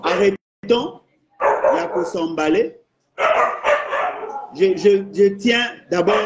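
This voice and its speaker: A man speaks French with a Congolese accent, his voice sitting notably high. He argues insistently in a political monologue, hammering the same points again and again and slipping into Lingala phrases. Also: highs cut off, very noisy. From Democratic Republic of the Congo.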